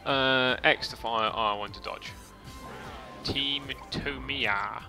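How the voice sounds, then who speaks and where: A man's voice: medium pitch, fairly even intonation, unhurried, music in the background. A man casually rambling through a game stream, chatting to viewers with mild swearing. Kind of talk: casual gameplay commentary.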